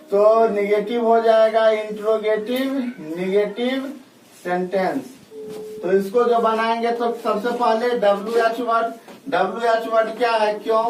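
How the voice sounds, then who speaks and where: A man teaching a grammar lesson, asking rhetorical questions and dictating example sentences slowly, word by word. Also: high-pitched. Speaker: English teacher. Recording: echoey room, voice from a distance, faint noise.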